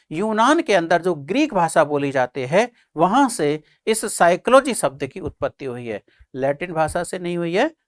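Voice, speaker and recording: A male teacher delivers an exam-prep lecture in a lively voice that swoops up and down. He keeps throwing questions at the class and answering them himself, driving each point home by saying it again. The recording is dry and close, with no room sound. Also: high-pitched, dry recording. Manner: repeats key points for emphasis; addresses listeners as friends and children.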